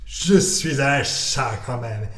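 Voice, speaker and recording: A man's voice: mid-range voice, slow pace, fairly bright tone, roomy sound. A man doing Salem, a whiny sly cat. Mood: scornful. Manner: grumbling, dramatic inner thoughts.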